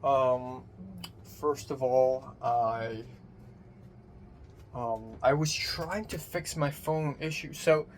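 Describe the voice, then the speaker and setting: A young man rambling through a casual personal vlog, swearing casually, his voice thin with no bass on a phone microphone. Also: very slow, long pauses. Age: young adult. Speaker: vlogger. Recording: thin bassless phone mic, background noise.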